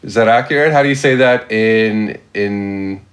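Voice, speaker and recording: Low-voiced man hosting a podcast. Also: moderate pace. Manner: stumbling, rambling questions. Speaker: podcast host. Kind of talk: casual podcast interview.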